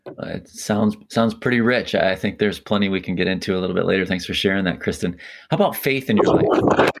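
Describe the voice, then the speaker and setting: A man's voice: deep voice, brisk, no echo, low-quality recording. A man co-hosting a podcast, opening the show and asking a guest friendly questions. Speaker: podcast co-host. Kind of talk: scripted show intro and interview questions.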